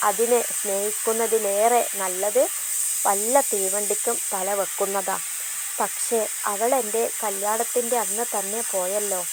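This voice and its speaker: A woman's voice: mid-range voice, noisy background, lightly acted. A woman voicing a young man on his wedding day, scornful at first and later tearful and pleading. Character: grieving young groom, bitter yet tearful.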